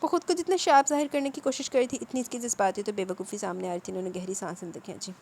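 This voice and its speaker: A woman's voice: mid-range voice, steady tone, darkish tone, slight background noise. Woman narrating a novel aloud.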